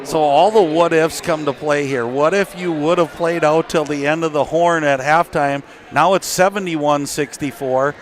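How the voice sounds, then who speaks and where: A man giving relaxed, folksy color commentary and score updates during a basketball broadcast. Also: on the high side, normal speed, hardly any pauses.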